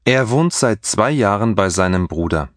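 A man reading scripted textbook dialogue for a language course with slow, careful enunciation. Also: lowish voice, animated, no echo, studio quality.

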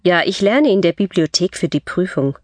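A woman reading scripted textbook dialogue for a language course with slow, clear enunciation. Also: fairly low pitch, expressive, a little mellow, no echo.

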